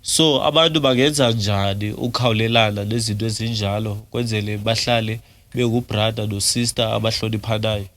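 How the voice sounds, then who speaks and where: A man's voice: fairly low pitch, steady tone, a little fast, fairly bright tone. A man from South Africa with a Xhosa accent, hosting an interview in a conversational way. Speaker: interviewer, host. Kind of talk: conversational interview questioning, mixing in English.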